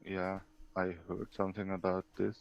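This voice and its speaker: A man on a voice call being coached through a game, speaking in a hesitant, halting way as he searches for words. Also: deep voice, monotone, vocal fry, crowd noise. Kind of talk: casual voice chat.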